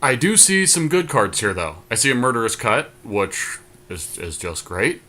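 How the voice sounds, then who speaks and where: A podcast co-host offers casual, laid-back commentary while playing a card draft, thinking aloud as he goes. His mid-range voice is very animated and sharp in tone, at a moderate pace.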